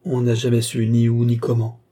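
A man reading the lines of an old female housekeeper in a storybook, giving short, dry replies in a dark, husky voice. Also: mid-range voice, monotone, normal speed, lightly acted.

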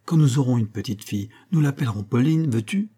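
A man voicing a mischievous, bold little girl in a storybook reading, lifting his pitch and coaxing. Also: fairly quick, breathy edge. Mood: dreamy. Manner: lively, coaxing, raised girlish pitch.

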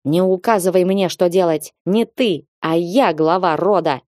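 A woman's voice: on the low side, unhurried, darkish tone, no echo, studio quality, natural voice. A woman voicing a drunk, jealous young male viscount who rants and accuses in an audiobook. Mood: ranting. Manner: slurring, accusing, ranting.

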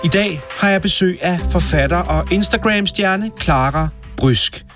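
A man voicing a smug, tactless woman radio host who speaks in a patronizing, deliberate way. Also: sits high, music in the background, close to an everyday voice. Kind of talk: sketch comedy.

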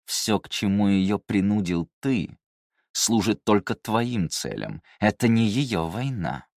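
A man's voice: fairly low pitch, lively intonation, slow, darkish tone, dry recording, clean studio sound. A man reading the lines of a haughty, scheming woman and mother, speaking in a cold, clipped way with barely held rage. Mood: curt.

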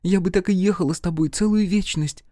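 A man voicing an eager young noblewoman in an audiobook, speaking in a breathy whisper. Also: sits high, fairly quick, dark tone, no echo, studio quality, voice pushed up, lightly acted. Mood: rapturous.

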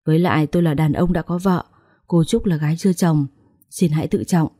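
A stern, blunt young husband in a storybook drama, as a woman narrator puts him on. He speaks curtly in a low, mellow voice, recorded dry and close. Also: brisk, no room sound. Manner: stern, curt.

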